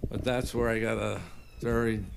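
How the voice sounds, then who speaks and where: A man's voice: on the low side, flat delivery, normal speed, gravelly, noisy background. A man telling anecdotes in a casual, colloquial, rambling way as an interview guest. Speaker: guest paranormal investigator.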